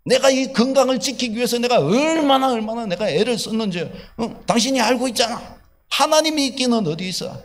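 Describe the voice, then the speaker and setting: A pastor playing a proud self-made businessman husband who scorns faith, shouting and boasting in a high, strained voice. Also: expressive, a little fast. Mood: boastful.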